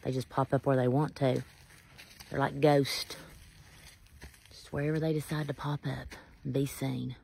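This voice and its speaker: A woman's voice: very deep voice, level tone, brisk, gravelly, warm tone, slight background noise. A woman vlogging outdoors in hilly woods on a handheld phone, chatty and joking at her own expense. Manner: joking, chatty, self-mocking. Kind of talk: casual outdoor vlog.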